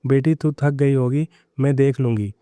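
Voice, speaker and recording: A man voicing a proud, bitter older mother-in-law who softens, speaking in a sharp scolding way. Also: mid-range voice, steady tone, normal speed, clear, resonant tone, dry recording, close to an everyday voice. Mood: tender.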